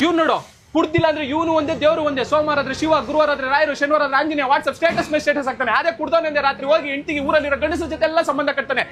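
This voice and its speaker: A man's voice: very high-pitched, steady tone. A man with a North Karnataka Kannada accent delivering a mock-heroic, film-style rant as a bar owner, with repeated punchy refrains. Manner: fast rhetorical ranting with refrains. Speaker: bar owner in a comedy skit.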